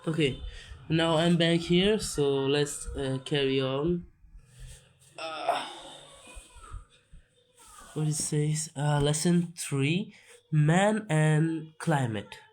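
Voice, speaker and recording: Male reader, slow and halting, coughing, textbook read-along. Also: fairly high pitch, darkish tone, slight background noise. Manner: slow, halting, many restarts and fillers. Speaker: self-taught reader on a video channel. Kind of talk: reading a textbook aloud with explanations.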